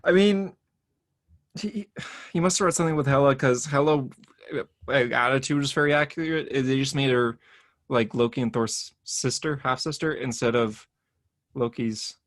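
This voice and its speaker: A man's voice: medium pitch, normal speed, no echo, studio quality. A man co-hosting a podcast, chatting casually about comic-book news, rambling a bit and laughing often. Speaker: podcast co-host.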